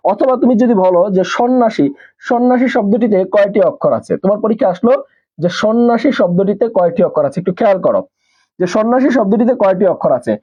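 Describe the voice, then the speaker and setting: A man's voice: high-pitched, expressive, quick pace, mellow, lo-fi sound. A man teaching a live online exam-prep class, repeating key points and asking questions that he answers himself. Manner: repetitive, asks questions and answers them himself.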